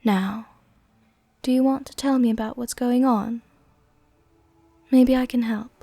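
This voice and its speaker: In an intimate roleplay ASMR, a woman plays a worldly vampire countess who is softly dominant, speaking in a soft, gentle, tenderly commanding manner. Her voice is on the high side with a steady tone and measured pace, the recording is dry, and her mood is tender and comforting.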